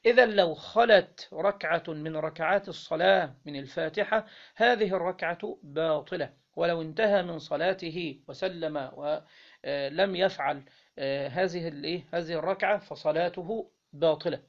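A man with an Egyptian accent teaching Islamic law, reading a legal text aloud and then explaining it, often pausing to quiz his listeners. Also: a little high, lo-fi sound. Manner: reads the text then explains, quizzing listeners with "what?" pauses.

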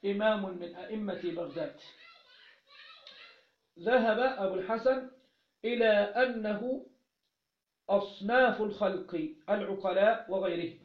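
A man with an Egyptian accent teaching a religious text, asking questions and then answering them himself, often repeating key phrases. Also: high-pitched. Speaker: teacher of Islamic jurisprudence. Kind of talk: religious lesson, explaining a text. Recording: roomy, dull lo-fi recording.

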